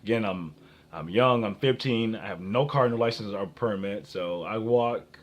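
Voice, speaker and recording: A man's voice: on the low side, moderate pace. A man in his early twenties with an American accent gives off-the-cuff relationship advice and personal anecdotes, rambling, often breaking off and repeating himself. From Minnesota, United States. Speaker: dating advice vlogger.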